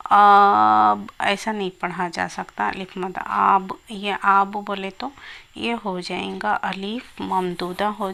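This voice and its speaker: A woman's voice: medium pitch, gravelly, a bit bright, slight background noise. A woman teaching a grammar lesson for exam preparation, explaining step by step and repeating example words.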